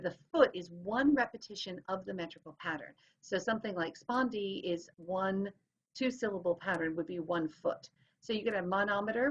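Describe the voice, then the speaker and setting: A woman's voice: mid-range voice, slight background noise. A woman teacher explaining things in a recorded lesson, sounding out rhythms as she goes. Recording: dull lo-fi recording.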